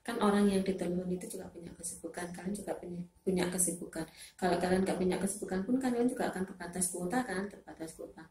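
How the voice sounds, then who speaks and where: A woman's voice: on the low side, fast, darkish tone. Echoey teacher woman, bilingual lesson. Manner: explains in Indonesian, repeats English phrases. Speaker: English teacher.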